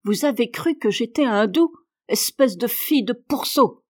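A bossy, spoiled little girl from a storybook snaps out her words with haughty indignation, as a woman reader puts her on. The voice sits noticeably higher and louder than the reader's own, pushing hard on each demand. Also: animated, normal speed. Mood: furious.

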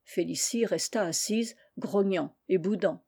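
Woman audiobook narrator, measured and even, dark mellow tone. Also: medium pitch, creaky, slightly rough. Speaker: audiobook reader. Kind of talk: scripted narration of a classic novel.

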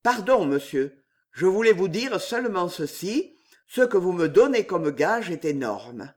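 A proud, brooding young servant, voiced by a man reading aloud speaks with fierce, held-back intensity. The voice sits high and swings widely in pitch, and the words come slowly. It is an audiobook reading. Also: very animated. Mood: restrained. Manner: intense, fierce restrained timidity.

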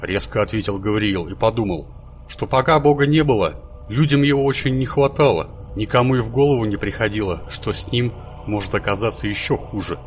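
Low-voiced male audiobook narrator. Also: fairly quick, soft background music. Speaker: audiobook reader. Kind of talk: scripted narration.

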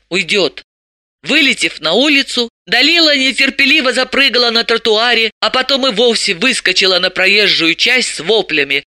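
An audiobook reader tells the story with animated, expressive delivery. The voice is bright and ranges widely in pitch. The recording is dry and close. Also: no room sound. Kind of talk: audiobook narration.

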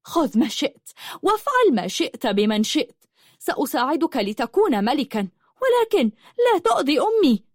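A woman voicing a furious young woman who shouts high and loud in a dry, close recording. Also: big pitch swings, normal speed, no echo. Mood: pleading.

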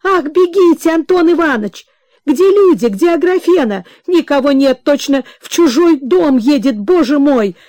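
A woman's voice: high-pitched, huge pitch swings, unhurried, warm tone, dry recording, clean studio sound, heavily acted. A woman reading the part of an anxious, tearful older country mother, emotional and sighing. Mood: excited panic.

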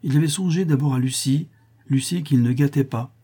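A man narrating a literary novel as an audiobook with a steady, expressive reading. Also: mid-range voice, a little fast, breathy edge. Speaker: audiobook reader.

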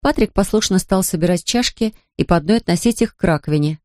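A woman narrating an audiobook in a measured, expressive storytelling manner. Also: lowish voice, dry recording, clean studio sound. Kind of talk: scripted narration.

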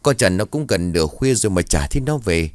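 A man's voice: low-pitched, lively intonation, fairly quick, no echo, studio quality. A man voicing an anxious mother who frets over her missing daughter. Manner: anxious, fretting. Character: worried mother of a missing girl.

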